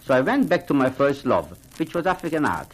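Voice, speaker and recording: In a roughly recorded radio interview, an older Hungarian art gallery owner and collector speaks fairly quickly in a slightly high, slightly rough voice. His delivery is animated and earnest, shaped by non-native phrasing.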